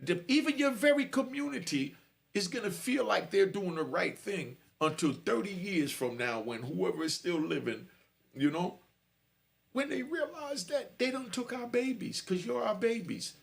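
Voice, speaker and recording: Gravelly, lively man in his fifties. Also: high voice, normal speed. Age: 50s. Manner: preachy, addresses young listeners directly. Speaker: prison storyteller. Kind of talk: direct-to-camera monologue.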